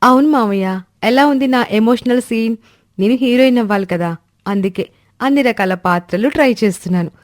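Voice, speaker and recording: Woman doing a high dramatic young daughter-in-law. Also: a little fast, no room sound, studio quality, close to an everyday voice. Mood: boastful. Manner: tearful pleading then showy and boastful. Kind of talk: animated storybook voice acting.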